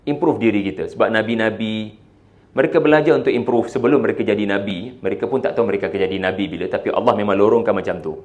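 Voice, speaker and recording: A man with a Malaysian Malay accent giving a religious lecture, moving between loud, emphatic points and quiet, soft talk, with English words mixed in. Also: fairly low pitch, fast talker. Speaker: Islamic preacher.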